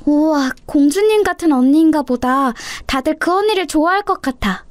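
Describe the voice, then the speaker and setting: Lady doing a teary little orphan kid, squeaky and whiny, clinging to big sis. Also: lively intonation, moderate pace, no echo. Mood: indignant. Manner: pleading, high childlike whine. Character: tearful little orphan girl, clingy younger sister.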